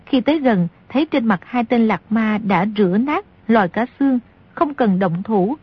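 A woman reading scripted narration as an audiobook narrator, telling the story at a steady pace, in a slightly dull recording. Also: fairly high pitch, moderate pace, slightly rough, dry recording.

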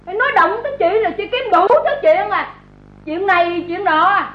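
An actress playing a harsh, domineering young woman of the house who scolds a servant in a bossy, shrill way, in an old radio drama. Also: expressive, moderate pace. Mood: contemptuous. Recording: echoey, dull old radio recording.

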